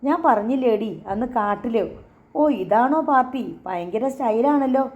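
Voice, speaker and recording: A woman's voice: on the high side, moderate pace, a little mellow, muffled recording, lightly acted. A woman doing a cheeky teasing sister. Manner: mocking, playful.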